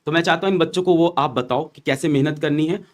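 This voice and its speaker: A man's voice: a little high, fast. A man hosting a casual chat, friendly and teasing with his guest. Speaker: host.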